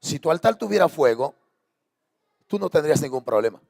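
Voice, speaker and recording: A man's voice: fairly high pitch, animated, brisk, vocal fry, darkish tone. A man preaching a sermon as pastor, impassioned, throwing out repeated rhetorical questions to his congregation. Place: church sanctuary.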